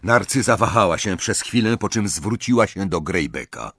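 A man narrating an audiobook with a measured, dramatic reading. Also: low voice, animated, fairly bright tone, dry recording, studio quality.

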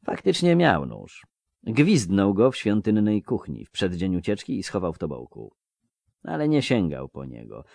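A man narrating an audiobook in an expressive, measured reading. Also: low-pitched, gravelly, no room sound.

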